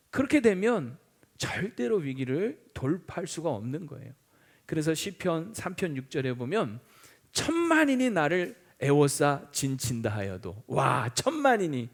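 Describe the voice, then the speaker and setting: A middle-aged male pastor preaching a sermon, emphatic, quizzing the congregation with call-and-response questions. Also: on the high side. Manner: acts out taunts in mocking quoted voices. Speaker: senior pastor.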